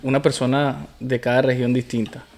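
A man's voice: mid-range voice, little pitch movement, normal speed, a little mellow. A Venezuelan man in a casual chat, joking and using slang. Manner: chatty, joking, uses slang.

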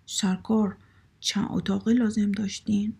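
Fat pompous landlord man, formal and fussy, gravelly, low husky voice, read by a woman. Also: little pitch movement, a little mellow. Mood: obsequious. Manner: formal, coughing before each sentence. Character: pompous fat male landlord who coughs grandly. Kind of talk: storybook reading.

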